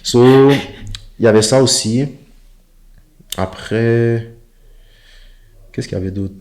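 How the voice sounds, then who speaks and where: Relaxed man in a podcast chat. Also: medium pitch, slow, roomy sound. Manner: relaxed, thinking aloud with fillers. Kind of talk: casual chat.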